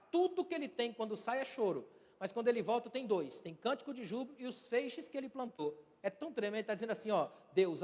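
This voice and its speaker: Man, Brazilian Portuguese accent, pastor preaching, emphatic, soft-to-loud swings, high voice, long church reverb. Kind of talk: sermon. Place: church sanctuary.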